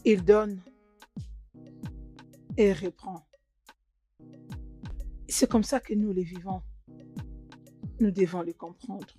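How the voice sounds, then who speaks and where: A woman's voice: medium pitch, steady tone, takes it slowly, pauses often, dark tone, soft background music, close to an everyday voice. A woman playing a soothing motherly comforter. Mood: consoling. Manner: soothing, firm. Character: motherly older woman consoling a grieving girl. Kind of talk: French film dub.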